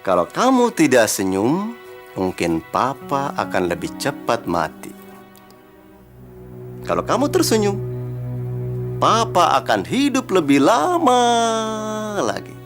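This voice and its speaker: An actor playing a gentle, middle-aged father who is secretly ill, with a soft, teasing way of talking. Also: medium pitch, wildly swooping pitch, takes it slowly, pauses often, music in the background, heavily acted. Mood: tender.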